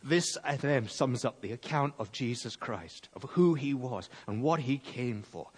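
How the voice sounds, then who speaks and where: A man preaching a sermon in a church, telling the story in a lively way and acting out the crowd. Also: mid-range voice, measured pace, slightly rough. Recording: long hall reverb.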